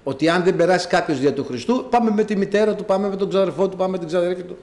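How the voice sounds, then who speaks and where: A man preaching a sermon, telling stories and addressing the congregation directly in an animated way. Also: high-pitched. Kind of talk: sermon with storytelling.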